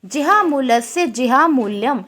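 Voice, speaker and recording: A woman's voice: high voice, expressive, unhurried, a bit bright. A woman teaching a Sanskrit exam-prep lecture, asking questions and repeating the answers.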